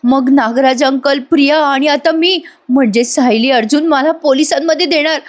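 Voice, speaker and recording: A woman's voice: sits high, normal speed, pitched above the performer's own voice, natural voice. A woman voicing a traumatized young woman who frantically talks to herself, repeating her words. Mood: panicked.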